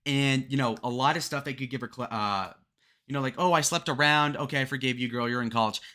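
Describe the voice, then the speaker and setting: A man's voice: medium pitch, fast talker, bright, forceful tone. Blunt young man rambling about a song. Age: 20s. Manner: blunt, rambling, filler-heavy. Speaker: music commentator. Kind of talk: casual song breakdown commentary.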